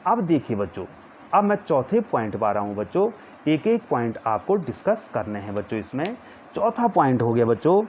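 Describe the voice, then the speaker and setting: A man teaching a physics lesson to students, slowly dictating notes and pointing at a diagram as he explains. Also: medium pitch, very animated, darkish tone. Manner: calls students "children" in nearly every line, repeats words slowly for dictation. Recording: dull lo-fi sound with faint background noise.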